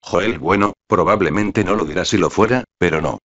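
This is a shy, quiet man, read out by a man who does no real voice for him. The delivery is low and flat, like a script being read aloud. The recording is muffled and lo-fi. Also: normal speed, husky, no echo.

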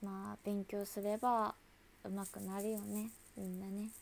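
A woman's voice: mid-range voice, little pitch movement, measured pace, gravelly, darkish tone, slight background noise. A woman idol chatting casually with viewers on a livestream, talkative and laughing often.

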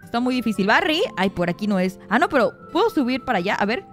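A young woman giving excited gameplay commentary, often shrieking and squealing at mishaps while talking to her viewers. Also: on the high side, fast, soft background music. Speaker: gaming youtuber.

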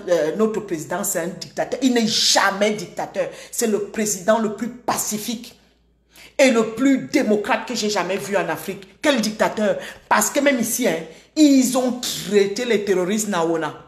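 A woman talks straight to her live-stream audience in a combative, taunting way. Between jabs at her critics she greets commenters by name. Her mid-pitched voice echoes around the room she records in. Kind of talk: live-stream political rant.

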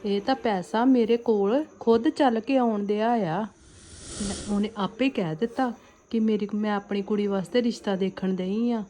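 A woman's voice: medium pitch, normal speed, mellow, lightly acted. Scheming greedy middle-aged mother-in-law played by a woman. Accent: Punjabi. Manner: chatty, muttering greedy asides. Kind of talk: comedy skit acting.

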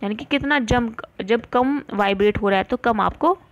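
A woman's voice: on the high side, muffled recording. Woman teaching science. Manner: explains in Hindi mixed with English terms, asks and answers her own questions; reads textbook lines slowly and deliberately. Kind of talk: classroom lecture for students.

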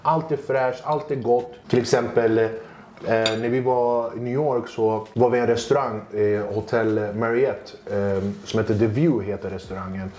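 A man's voice: medium pitch, steady tone, a little mellow, echoey room, slight background noise. A man, a stand-up comedian, telling funny anecdotes in a casual chat, acting out quoted voices and laughing often. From Sweden, Kurdish family roots. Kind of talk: casual chat, animated storytelling.

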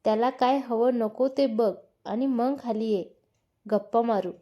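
A woman voicing an older father-in-law who is grave and kindly, giving slow, serious advice. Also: a little high, muffled recording, close to an everyday voice.

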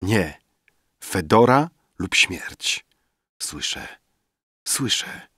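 A man's voice: lowish voice, very animated, normal speed, dry recording, studio quality, voice pushed up. An actor playing a mocking young poet who teases his drunken friend in an audiobook reading. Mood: drowsy. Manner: teasing, sardonic.

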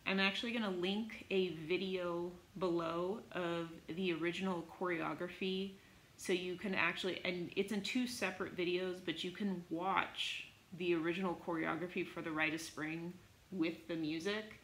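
A woman's voice: on the low side, moderate pace. Chatty woman teacher in an echoey room. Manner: chatty, animated storytelling with lots of "like". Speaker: music teacher. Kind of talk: casual online music lesson. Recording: echoey room with faint background hiss.

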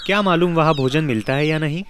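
A man's voice: fairly high pitch, fast talker, a bit bright, slight background noise, natural voice. An actor playing a humble male villager who eagerly welcomes a saint into his home. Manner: eager, calling out to his wife and inviting the saint. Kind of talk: devotional film acting.

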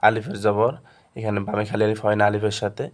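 A man's voice: on the low side, completely flat delivery, rapid-fire, darkish tone. A man teaching Quran reading step by step, directing attention to the page and drilling letter spellings in a repetitive chant. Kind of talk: step-by-step lesson.

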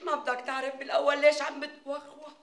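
An actress playing a scheming, melodramatic neighbor woman with a Damascene Syrian accent, who wails, flatters and wheedles in a TV sitcom. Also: high-pitched, fast talker, reverberant. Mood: pleading. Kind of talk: TV sitcom acting.

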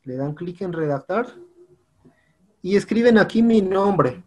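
A man's voice: high voice, lively intonation, measured pace, dark tone. A male teacher, patiently walking his students through an online class platform and often checking in with them. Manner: patient, repeats "compañeros" and "¿sí?" often.

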